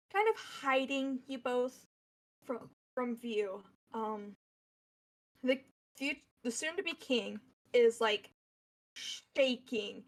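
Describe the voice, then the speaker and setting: A woman running a tabletop role-playing session on a live stream, her voice sitting a bit high. She narrates loosely, with plenty of fillers and off-hand asides. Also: low-quality recording. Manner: rambling, full of fillers and asides. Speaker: game master.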